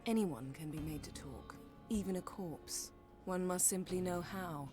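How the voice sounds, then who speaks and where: An actress voicing a haughty, sardonic sorceress in a video game, speaking in a cool, imperious and dryly sarcastic way. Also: female voice, on the low side, a little slow, lightly acted. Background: game music.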